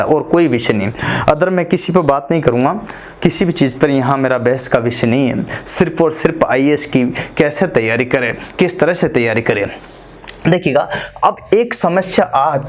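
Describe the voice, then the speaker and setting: Man firing off rhetorical questions. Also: a little high. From Rajasthan, India. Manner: rhetorical questions, answers them himself; repetitive, list-like, addresses listeners as friends. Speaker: community speaker giving career advice. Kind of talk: informal advice talk to camera.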